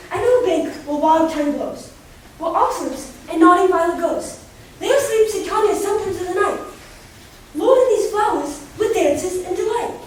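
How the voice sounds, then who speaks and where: Woman as a commanding fairy king: very high, stately verse, distant and echoey. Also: a little mellow, slight background noise. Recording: echoey hall from far off.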